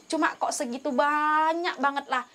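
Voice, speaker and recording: A woman's voice: high-pitched, steady tone, moderate pace, pushed and bright. A woman giving an earnest, emotional testimony, pleading as she acts out her own prayers and conversations. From North Sumatra, Indonesia.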